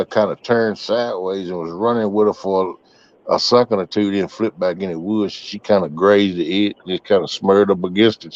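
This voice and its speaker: A middle-aged man, casually chatting with his livestream viewers in a rambling, folksy way. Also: on the low side. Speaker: livestream host. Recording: muffled, dry.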